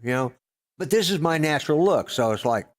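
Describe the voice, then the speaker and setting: Gruff older man rambling in chat. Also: a little high, expressive, brisk. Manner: rambling, gruff, many fillers and restarts. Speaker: podcast co-host. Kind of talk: casual chat.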